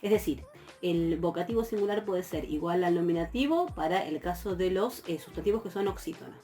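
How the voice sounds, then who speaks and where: A woman's voice: on the low side, expressive, fairly quick, mellow. A woman from Argentina, teaching a university Greek grammar class with patient explanations and frequent fillers. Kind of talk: recorded lecture.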